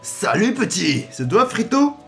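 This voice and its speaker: A man voicing a brash, cocky young male hunter hero in a video game, loud and punchy. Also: high-pitched, very animated, unhurried, faint music behind, pitched above the performer's own voice, heavily acted. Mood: brash, friendly.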